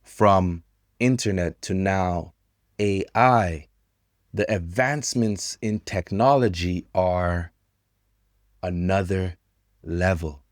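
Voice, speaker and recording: A man in his thirties teaching English to learners, talking about technology in slow, simple sentences with pauses. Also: sits low, dry recording, studio quality. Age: 30s.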